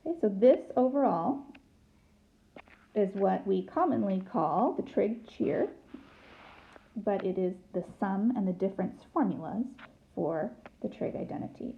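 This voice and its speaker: A woman's voice: medium pitch, expressive, a little slow, gravelly, narrow, tinny audio. Woman teacher chanting trig rhythms. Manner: dry, teasing asides. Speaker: math teacher. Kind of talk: recorded whiteboard lesson. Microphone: tablet mic.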